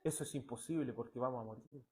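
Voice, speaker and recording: A man preaching a sermon, asking his listeners questions and swinging from loud declarations to hushed passages. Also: mid-range voice, quick pace. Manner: asks the congregation rhetorical questions. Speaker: pastor.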